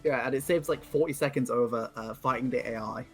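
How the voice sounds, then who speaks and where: A man commentates on a speedrun at a quick clip, stringing his route explanations together with plenty of fillers. Soft game music sits in the background. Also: medium pitch. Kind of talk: live gameplay commentary. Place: speedrun event stream.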